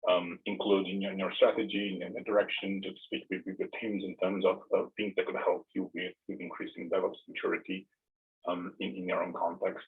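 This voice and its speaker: A man in his thirties from Romania, giving an online tech presentation in a halting way, often repeating words before going on. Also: low-pitched, flat delivery, husky. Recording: tinny, phone-like narrow audio.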